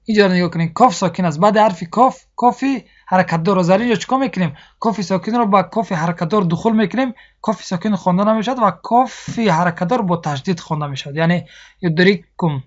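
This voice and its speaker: A teacher gives a recorded lesson on Quran recitation rules. They explain patiently, repeat each point, slow down to model the sounds and keep checking that students follow. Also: mid-range voice.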